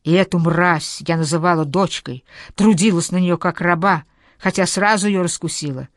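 A woman voicing a domineering, furious general's wife with a low booming voice, in a dry recording. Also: moderate pace, no room sound, close to an everyday voice. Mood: raging. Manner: low booming voice, raging and scornful.

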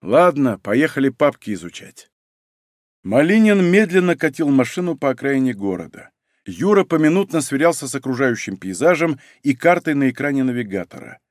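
A man narrating an audiobook in a lively, expressive reading. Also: medium pitch, a little fast, no echo, clean studio sound. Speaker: audiobook reader.

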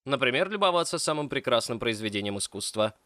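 A man voicing a confident, commanding male lover who speaks firmly and a little loudly. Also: medium pitch, very animated, quick pace, no room sound.

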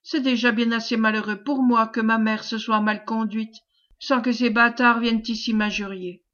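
A woman's voice: a little high, steady tone, normal speed, a bit bright, lo-fi sound, close to an everyday voice. A woman reading aloud, voicing a calculating oil merchant who answers his brother in a cold, curt, condescending way.

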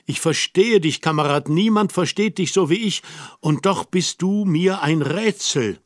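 A man's voice: mid-range voice, steady tone, moderate pace, fairly bright tone, no echo, studio quality, lightly acted. A man reading as a brooding aging intellectual. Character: aging melancholy male intellectual, lonely and brooding. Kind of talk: audiobook character reading.

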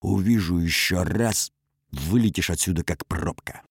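A man voicing a drunk, furious army major who growls, shouts and hisses threats, in a raised, louder voice. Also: low-pitched, measured pace, gravelly, husky, no echo, clean studio sound, heavily acted. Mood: menacing.

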